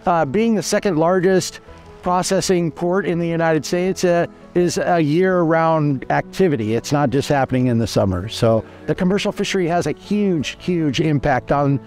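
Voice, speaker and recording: A hatchery manager in his forties gives an outdoor tour by a creek, explaining the fish hatchery earnestly and matter-of-factly, often restarting his sentences. His fairly high voice has a darkish tone and normal speed, with faint music behind.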